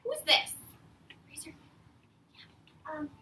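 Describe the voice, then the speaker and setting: A very slow, bright, forceful female voice belongs to an elementary school teacher reading aloud to young children. She explains simply and keeps prompting them with questions. The classroom is echoey, the mic distant, and a little noise is faintly audible.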